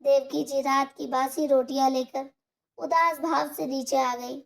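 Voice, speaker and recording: A woman storyteller reading a scripted moral tale. Her voice is high and light, and she moves through the story slowly and evenly. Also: little pitch movement, creaky.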